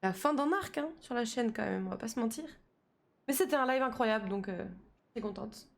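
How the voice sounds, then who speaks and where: A young woman talks loosely to her chat while she plays. She rambles with lots of slang and fillers, and her voice sits on the higher side. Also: brisk, gravelly. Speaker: streamer. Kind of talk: casual live-stream chat while gaming.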